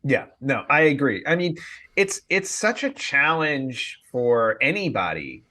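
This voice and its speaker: A man's voice: medium pitch, very animated, unhurried, bright, forceful tone. A man co-hosting a podcast, talking casually and thoughtfully with many restarts and fillers. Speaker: podcast co-host. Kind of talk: casual chat.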